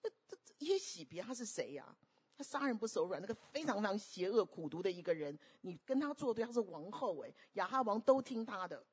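A woman preaching a sermon, animated and constantly questioning the congregation. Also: mid-range voice, fast talker, hardly any pauses, slightly rough.

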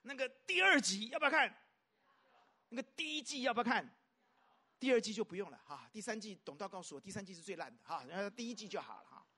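Animated male pastor with a bright, lively voice. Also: sits high, fast talker, breathy edge. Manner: animated, rhetorical questions, swings from loud to soft. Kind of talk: sermon.

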